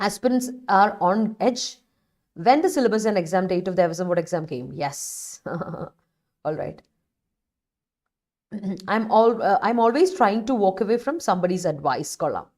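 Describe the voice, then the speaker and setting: Animated Malayali woman teaching English online. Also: mid-range voice. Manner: switches fast between Malayalam and slow, deliberate English examples; addresses students by name, coaxing and reminding. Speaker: English teacher for exam aspirants. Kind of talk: live online English vocabulary class.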